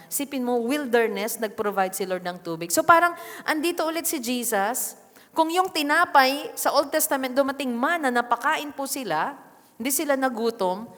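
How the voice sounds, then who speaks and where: A woman's voice: on the high side, fairly bright tone. A woman with a Filipino accent preaching a sermon, switching between Tagalog and English and often asking the congregation questions. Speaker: pastor. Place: church. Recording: long reverb of a church hall.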